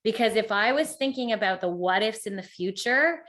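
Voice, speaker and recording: A woman's voice: medium pitch, lively intonation, a bit bright. A woman author being interviewed, speaking passionately in a casual way, with frequent "like" fillers. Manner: passionate, talks in quick bursts with many "like" fillers. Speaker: author and guest.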